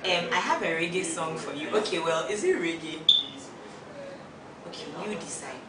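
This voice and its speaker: A woman giving a shy, soft-spoken birthday message to her father and singing him a tribute, recorded from a distance in an echoey space. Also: deep voice, normal speed. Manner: shy, soft-spoken between sung lines. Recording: echoey, distant, crowd noise behind.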